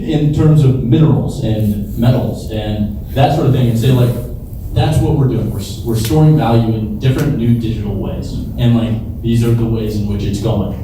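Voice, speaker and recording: Rambling man speaking in an echoey room. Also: medium pitch. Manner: rambling, animated storyteller, often quoting imagined dialogue. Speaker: venture capitalist guest speaker. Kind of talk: informal Q&A talk to a live audience. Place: large echoey indoor room with an audience. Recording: echoey room, far mic, clear background noise.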